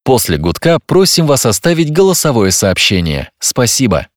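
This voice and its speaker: A man reading a recorded phone menu in a measured, formal announcer manner. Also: medium pitch, big pitch swings, noisy background.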